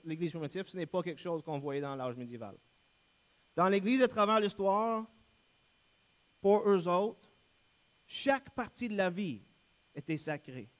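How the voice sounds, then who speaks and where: A young man preaching a sermon as a guest pastor. He is earnest and emphatic, repeats refrains and sometimes corrects himself. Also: sits high.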